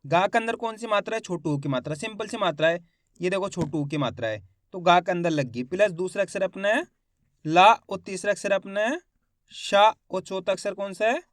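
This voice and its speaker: A man with a Hindi accent teaches reading in a step-by-step phonics lesson. He sounds out each syllable slowly before blending it into a word and keeps asking viewers if they follow. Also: high voice, a bit bright, no echo. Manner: asks the viewer frequent check-in questions.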